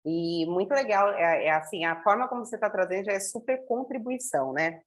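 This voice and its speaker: A woman's voice: medium pitch, lively intonation, brisk. A woman speaking thoughtfully in a casual conversation, explaining her ideas step by step. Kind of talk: casual reflective chat.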